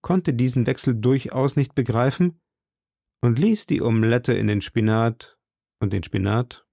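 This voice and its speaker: A man narrating a classic novel as an audiobook, in a measured storytelling manner. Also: mid-range voice, expressive, creaky, dark tone, dry recording, clean studio sound. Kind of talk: audiobook reading.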